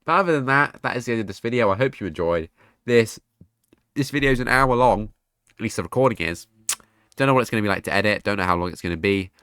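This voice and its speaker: A man's voice: lowish voice, lively intonation, fast talker, fairly bright tone, smooth, no room sound, clean studio sound. A man, sick and congested, casually narrating a map scenario game in a rambling, offhand way. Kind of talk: casual gaming commentary.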